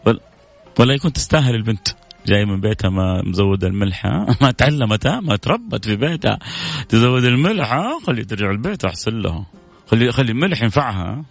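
Fast, gravelly man. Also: lowish voice, soft background music. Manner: animated, playful, acts out both sides of an argument. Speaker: radio show host. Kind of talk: casual advice talk.

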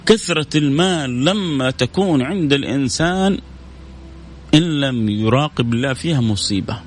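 A man's voice: mid-range voice, animated, normal speed, slight background noise. A man preaching in a live-streamed religious talk, speaking to his listeners directly and repeating phrases for emphasis. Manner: conversational, addresses listeners directly.

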